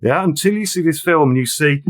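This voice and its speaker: A man's voice: fairly high pitch, lively intonation, a little fast. A man talking through a film in a casual discussion, earnest and reflective, sometimes reading passages aloud.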